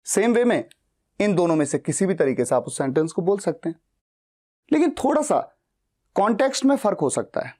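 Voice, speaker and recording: Male online English tutor, mellow tone, patient explainer who asks and answers his own questions. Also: high-pitched, sing-song. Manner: reads English example sentences slowly and deliberately. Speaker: spoken English teacher. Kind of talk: explanatory grammar lesson.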